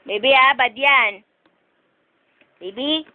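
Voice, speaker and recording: Woman, pet owner; repetitive, mock-stern baby talk to a cat; high voice; lo-fi home video audio. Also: takes it slowly.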